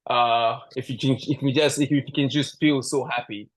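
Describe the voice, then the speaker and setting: A man's voice: medium pitch, fairly even intonation, normal speed. A man from Canada, a powerlifter guest on a podcast, chatting casually, joking and laughing often, rambling with restarts. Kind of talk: casual interview chat.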